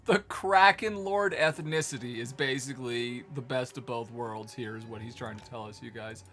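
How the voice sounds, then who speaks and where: A young man in the host's chair chats and jokes through a game stream, pitch sitting mid-range but leaping into squeaky highs when he teases. Faint game music plays behind him. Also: normal speed, a bit bright. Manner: playful, teasing, jumps into high squeaky outbursts. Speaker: streamer host. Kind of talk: casual game-stream chat.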